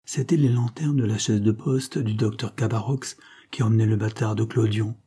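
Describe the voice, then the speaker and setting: Man reading an old novel out loud, dark husky voice. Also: fairly low pitch, steady tone, normal speed. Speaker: audiobook narrator. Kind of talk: scripted narration.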